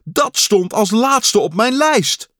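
A man's voice: high-pitched, lively intonation, slow pace, a bit bright, dry recording, studio quality, voice pushed up, exaggerated voice. A man voicing a fussy, anxious male toad who wails and panics when things go off his list. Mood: agitated. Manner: wailing, panicky when upset.

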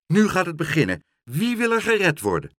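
A man's voice: sits high, wildly swooping pitch, moderate pace, a bit bright, no echo, studio quality, pitched above the performer's own voice, exaggerated voice. Pluk, a man doing a small eager boy. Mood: urgent.

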